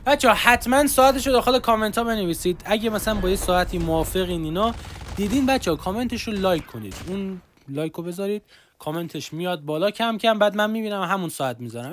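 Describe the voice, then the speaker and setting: A young man streaming a mobile shooter, chatting excitedly to his viewers as he plays. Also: sits high. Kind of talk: live gameplay commentary.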